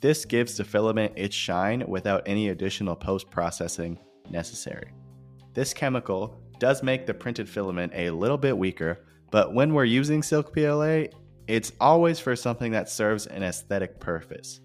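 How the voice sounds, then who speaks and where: Low-voiced man in an echoey empty room. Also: animated, moderate pace. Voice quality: echoing voice from a bare unfurnished room. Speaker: podcast host. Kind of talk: scripted podcast narration, informal. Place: new empty office without furniture. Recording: echoey empty office, music behind.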